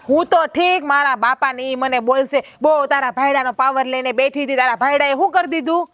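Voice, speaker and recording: Woman playing a village wife, high voice, fast and sarcastic, nagging her husband. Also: no echo. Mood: taunting. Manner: taunting, sharp-tongued, sarcastic. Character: sharp-tongued village wife, middle-aged. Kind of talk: village family drama.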